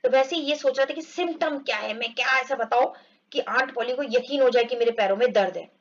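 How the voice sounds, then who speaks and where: A woman explaining an English textbook story to children, reading the lines slowly and acting out the characters. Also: high voice. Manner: reads English lines slowly, explains in Hindi, acts out groans. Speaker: English teacher. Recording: dull lo-fi recording.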